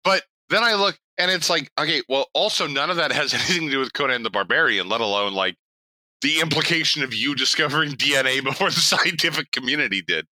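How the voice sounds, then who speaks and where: A young man co-hosting a podcast in casual chat, animated and laughing, with quick swearing asides. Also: fairly high pitch, no room sound, poor audio. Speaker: podcast co-host.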